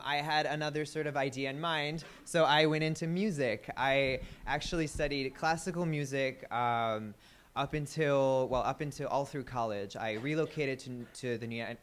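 A man's voice: medium pitch, a bit bright. A man in his thirties with an American accent, raised in Italy, giving a conference talk in a self-deprecating way with many fillers and restarts. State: a little nervous. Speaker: conference speaker. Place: conference stage.

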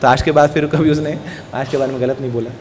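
A man giving a devotional talk, telling stories with animated storytelling and acting out quoted words, mixing Hindi and English. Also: mid-range voice, quick pace, in a large hall, a little hiss or hum. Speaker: temple speaker.

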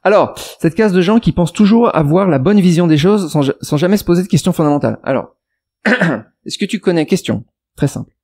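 He sits high in pitch, expressive and fairly quick, with a darkish tone. The speaker, a French investment YouTuber, rambles through a video reply to a viewer's comment, stopping and restarting with fillers while arguing his point to that viewer.

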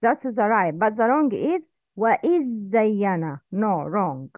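Slow patient woman teaching, tinny audio. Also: medium pitch, very animated, no room sound. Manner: slow, patient, spells out each sound. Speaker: Quran recitation teacher. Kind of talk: slow step-by-step tajweed lesson.

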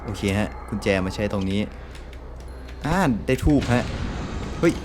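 A man's voice: lowish voice, animated, unhurried, noisy background. A man from Thailand giving jumpy, exclaiming commentary over a horror game, swearing often. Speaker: gameplay streamer.

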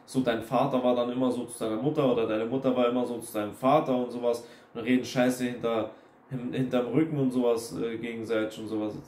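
A man's voice: mid-range voice, little pitch movement, quick pace, darkish tone. Blunt young man lecturing in an echoey room. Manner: blunt, repetitive, lecturing, drops into English phrases. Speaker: self-help video host. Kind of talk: casual monologue to camera.

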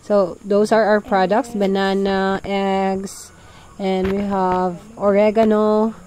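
A woman talks slowly and calmly through each step of a farm recipe, her voice at an ordinary mid pitch. She is recorded outdoors on a farm under a roof, with faint farm sounds and animals behind her. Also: a little hiss or hum, rough recording. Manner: calm, explanatory, plain wording. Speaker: farm vlogger. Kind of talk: instructional farm narration.

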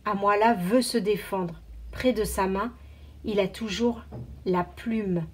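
A woman teacher reading a picture book aloud to young children in an expressive, carefully paced storytelling manner. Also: mid-range voice, slow, slightly rough.

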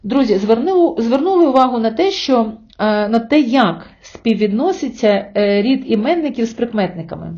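A woman giving a spoken language lesson, often calling her listeners friends and saying example words slowly and carefully. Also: fairly high pitch, animated, darkish tone, dull audio. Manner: addresses listeners as friends, with hesitation fillers. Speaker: Spanish language teacher.

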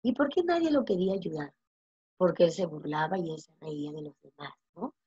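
A woman's voice: fairly low pitch, big pitch swings, brisk, mellow, breathy edge, no echo, muffled recording. Patient woman teacher asking children questions. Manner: asks the children many questions, answers them herself. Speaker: first-grade teacher. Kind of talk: recorded remote reading lesson for young children.

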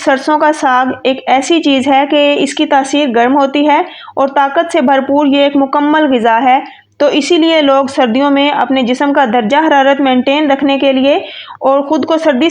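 A woman from Pakistan narrating a cooking tutorial as the channel host, friendly and instructive, with English words mixed into her talk. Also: high voice.

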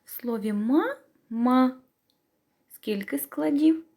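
A woman teaching young children to read, talking in a gentle, slow, sing-song way and breaking words into syllables. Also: sits high, creaky. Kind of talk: children's literacy lesson with a told tale. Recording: echoey room.

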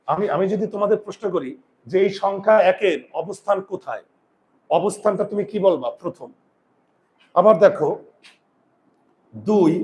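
A male grammar teacher giving a lesson, repeating key terms slowly, counting aloud and telling students to write things down. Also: high voice, a little mellow. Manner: counts aloud and asks rhetorical check questions. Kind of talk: classroom-style grammar lesson.

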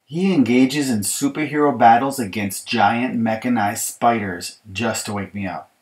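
This low-quality recording, with slight background noise, features an author reading his picture book in a natural, medium-pitched, unhurried voice. He plays an exasperated young girl making an emphatic, mock-aggrieved complaint about her bratty little brother.

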